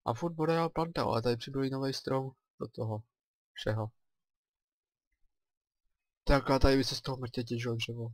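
A man with a Czech accent giving casual let's play commentary, chatty and thinking aloud with excited exclamations. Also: medium pitch, long pauses, dry recording.

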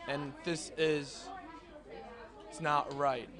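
A man with a slight accent joking through an interview in a playful, deadpan way. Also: a little high, very slow. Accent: slight foreign accent. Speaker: interviewee, singing contestant. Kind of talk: joking red-carpet chat. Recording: crowd noise behind.

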